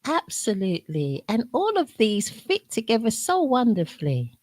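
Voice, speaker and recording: A woman with a South London accent hosting a radio show, gushing warmly with praise in casual interview chat. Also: on the high side, wildly swooping pitch, normal speed, no room sound.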